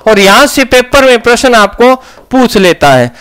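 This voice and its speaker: A man's voice: extremely high pitch, very animated, normal speed, a bit bright, clear, resonant tone. A man teaching a grammar lesson, asking questions and answering them himself.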